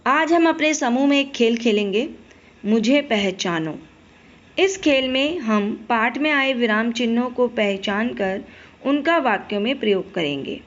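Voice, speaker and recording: With a fairly high, animated voice at a moderate pace, a woman explains a Hindi lesson to primary school children. She is patient with them, asking questions and then answering them herself. The audio is dull.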